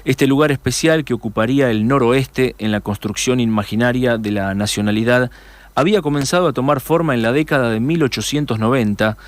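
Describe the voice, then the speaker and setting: A man with an Argentine accent narrates a radio documentary in a steady, measured read and trips over a word now and then. His voice sits at an ordinary middle pitch. The studio sound is dry and close, with almost no room echo. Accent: Argentine Spanish. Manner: measured, reads with small restarts.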